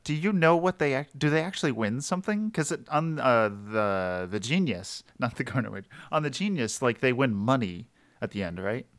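A man co-hosting a podcast in casual chat, relaxed, with hesitant restarts and chuckles. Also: mid-range voice, normal speed, no room sound. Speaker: podcast co-host.

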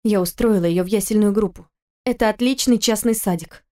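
A woman's voice: medium pitch, a little fast, warm tone, natural voice. A woman voicing an agitated young wife. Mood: defensive. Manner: pleading, indignant, agitated. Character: young wife and mother, defensive, pleading. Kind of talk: audiobook character reading.

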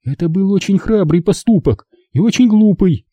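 A shrill, high mother's voice that scolds and pleads in turn, swinging wildly in pitch, as a man reading an audiobook puts her on. The tone stays husky and dark underneath. The recording is dry and close. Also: lively intonation, normal speed, no echo, highs cut off. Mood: angry scolding. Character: frightened angry mother, middle-aged woman.

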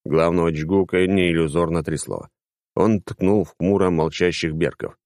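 A man reading a first-person audiobook in a wry, lively narration style. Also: normal speed, dry recording, studio quality. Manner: lively, wry, sweeping pitch.

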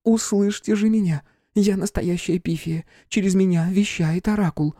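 A man doing a shrill, panicky young clairvoyant woman. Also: fairly even intonation, normal speed, dark tone, dry recording, studio quality, close to an everyday voice. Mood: frightened. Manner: shrill, breathless, pleading. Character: frightened distraught young female clairvoyant. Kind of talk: audiobook character voicing.

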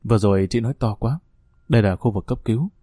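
A calm, measured emergency doctor who cautions a worried family, as a male storyteller voices him. The tone is dark and mellow, and the recording is close and dry. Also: fairly low pitch, no echo, natural voice.

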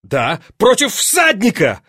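A man's voice: high-pitched, wildly swooping pitch, sharp tone, breathy edge, dry recording, studio quality, pitched above the performer's own voice, exaggerated voice. A man reading an audiobook and voicing a polite, composed fencing master who answers with deference. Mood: measured. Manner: deferential, measured.

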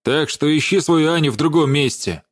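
A man's voice: fairly high pitch, normal speed, no echo, studio quality, pitched above the performer's own voice, close to an everyday voice. A man voicing a tall, blunt ex-husband who speaks brusquely and bossily. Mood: gruff. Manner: brusque, sighing.

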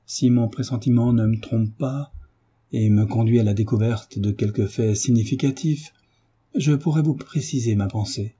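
Guy reading as a polite serious gentleman, dark husky voice, slow and careful. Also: medium pitch, natural voice. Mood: grave. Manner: measured, courteous, grave. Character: earnest, tactful gentleman tutor.

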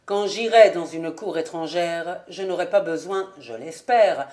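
A woman's voice: lowish voice, a little slow, darkish tone, lightly acted. A woman voicing a proud, gloomy young male nobleman who speaks coldly and haughtily, in an audiobook. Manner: cold, haughty and restrained.

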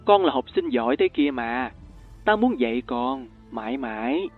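A man voicing a calm, sugary yet threatening ghostly old woman teacher in an audiobook story. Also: a little high, normal speed, gravelly, full character voice. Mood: sweetly menacing. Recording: tinny lo-fi with faint music.

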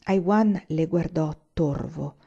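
A woman reads a novel aloud in a steady, measured audiobook delivery. Her voice is warm and mellow, and the lo-fi recording sounds a bit dull. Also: deep voice, vocal fry, slightly rough. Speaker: reader. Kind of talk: audiobook narration. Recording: slightly muffled lo-fi recording.

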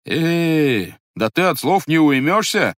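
A man voicing a stern, hot-tempered young blacksmith who shouts harshly, in a storybook reading. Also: on the high side, big pitch swings, slow, dry recording, clean studio sound, pitched above the performer's own voice, full character voice. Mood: angry shouting.

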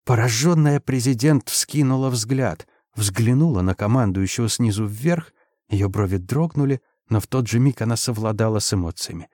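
A man narrating an audiobook in an even, measured reading. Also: medium pitch, dry recording, studio quality. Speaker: audiobook reader. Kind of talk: scripted narration.

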